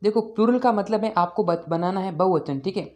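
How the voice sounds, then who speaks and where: A man's voice: high voice, a little fast, a little mellow. A man teaching an exam-prep video lesson, repeating points and asking and answering his own questions.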